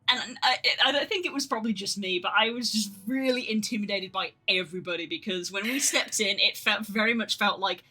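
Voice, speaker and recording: A woman's voice: medium pitch, fairly quick, few pauses, pushed and bright. A woman chatting casually as she streams a game, telling stories and acting out quoted dialogue. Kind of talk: casual chat while playing.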